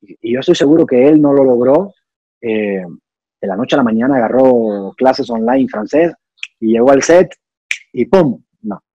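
A young actor and singer from Cuba has a mellow, mid-range voice with lively intonation and a moderate pace. In a casual interview, he explains his thoughts carefully, restarting often and using plenty of fillers. The sound is lo-fi.

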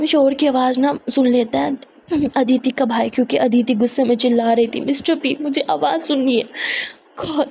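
Woman storyteller, high-pitched, conversational, emotive narration. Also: warm tone, slight background noise.

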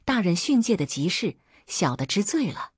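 A woman's voice: medium pitch, big pitch swings, moderate pace, husky, no echo, studio quality. A woman voicing a humble, contrite male scholar who speaks deferentially.

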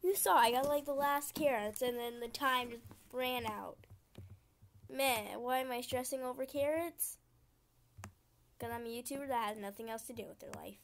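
A woman's voice: a little high, normal speed, slight background noise. A young woman YouTuber talking casually while playing a computer game, chatty and easily frustrated. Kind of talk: gaming commentary.

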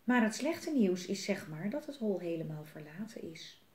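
A woman's voice: fairly low pitch, big pitch swings, normal speed, echoey room. A woman reading aloud, voicing a small, brave, boastful male gorgel creature who talks about himself by name. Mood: explaining.

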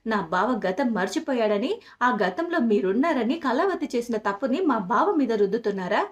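A woman's voice: a little high, animated, a little fast, natural voice. Woman reading as a scheming young cousin. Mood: insinuating.

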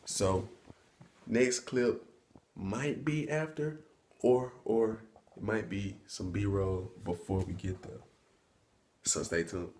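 Young male vlogger, lowish voice, casual chat to a phone held at arm's length. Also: takes it slowly, pauses often, noisy background. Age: young adult. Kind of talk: casual vlog intro.

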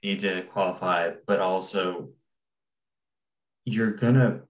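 A man's voice: low-pitched, slow, roomy sound, rough recording. A man speaking casually in a video call meeting, thinking aloud and hedging.

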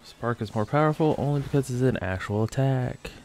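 A man's voice: mid-range voice, fairly quick, darkish tone. A man giving casual Let's Play commentary as a gaming YouTuber, chatting to the game and its creatures as he plays. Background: faint game music.

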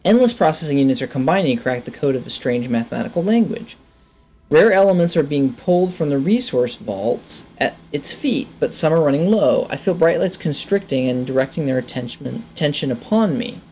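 A man in his thirties who hosts gaming videos speaks briskly and expressively, his voice on the high side and a little mellow. Into a headset he offers casual let's play commentary, musing to himself and reading the game's text aloud, with slight background noise.

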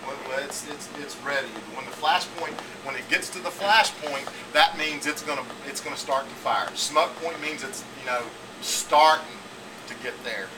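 A man in his forties demonstrates in a school teaching kitchen, rambling through his points and tagging them with "okay?". His voice sits a bit high and is picked up by a camera a few feet away, with a steady air-conditioning hum underneath. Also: normal speed, far from the mic. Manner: rambling, repetitive, checks in with "okay?". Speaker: culinary teacher. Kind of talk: classroom cooking demonstration. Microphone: camera mic from a few feet away.

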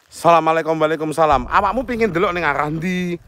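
Outdoors at night beside a forest pool, a young man with an East Javanese accent guides a ghost hunt as a paranormal guide. His voice is a little high, quick and a bit bright. He coaxes his companion along, repeats his prompts, chants greetings to the spirits and laughs easily.

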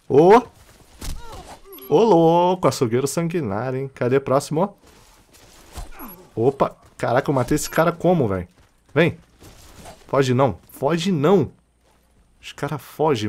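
A man with a Rio de Janeiro Brazilian accent giving casual, excitable gameplay commentary, taunting enemies and laughing as he plays. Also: medium pitch. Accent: Brazilian Portuguese, Rio de Janeiro. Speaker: gaming channel host.

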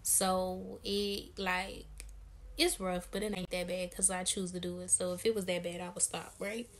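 A woman's voice: lowish voice, little pitch movement, normal speed. Chatty young woman from Maryland. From Maryland, USA. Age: 20s. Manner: chatty, candid, slangy. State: tired. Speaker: vlogger and lash business owner. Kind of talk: casual Q&A vlog.

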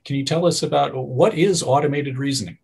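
A middle-aged man hosts an interview over a video call from a room at home, speaking hesitantly with frequent fillers. His mid-range voice is a little fast, creaky, slightly rough and a little mellow. The webcam audio is dull and lo-fi.

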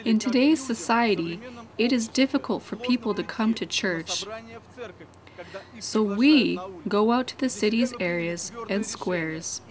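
Woman, voice-over narrator, earnest, measured, preaching tone, loud crowd noise behind. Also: mid-range voice. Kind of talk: read church introduction voice-over.

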